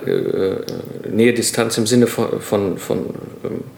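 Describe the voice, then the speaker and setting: A man's voice: fairly low pitch, slow pace, creaky, darkish tone, echoey room. A middle-aged man, a podcast guest, explaining his thoughts at length in a reflective way, with fillers and restarts. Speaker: podcast guest, solo entrepreneur. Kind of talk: casual conversational interview.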